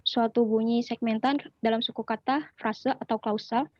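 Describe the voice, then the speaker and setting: A woman explaining a linguistics lesson, pausing often on fillers as she talks. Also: on the high side, steady tone, darkish tone, dry recording, dull audio. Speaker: student presenter.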